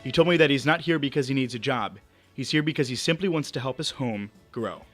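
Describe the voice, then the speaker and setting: Fast-talking male documentary narrator. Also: medium pitch, a bit bright. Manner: brisk, newsy delivery. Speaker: reporter narrating a short documentary. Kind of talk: scripted voice-over narration. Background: guitar music.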